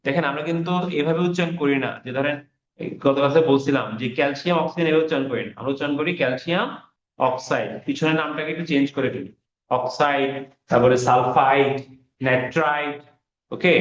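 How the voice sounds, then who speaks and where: A male teacher giving an online class lesson, who repeats key words and quizzes his students as he goes. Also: fairly high pitch. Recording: roomy, dull online class audio.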